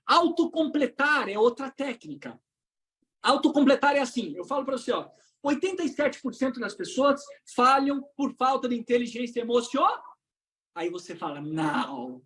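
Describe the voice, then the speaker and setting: A Brazilian-accented woman leads an online coaching talk for would-be trainers and speakers. Her voice sits a little high and leaps up and down in pitch. She punches some phrases out loudly and then drops to a hushed low. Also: moderate pace. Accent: Brazilian Portuguese. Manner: animated, swings between loud emphasis and hushed lows.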